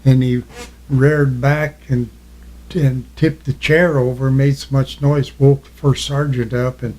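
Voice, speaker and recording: An elderly man, a war veteran, remembering his service in an interview, halting as he recalls and answering in short, plain phrases. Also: mid-range voice, level tone, a little mellow, poor audio. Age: elderly, 80s or older. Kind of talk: reminiscing in an oral history interview.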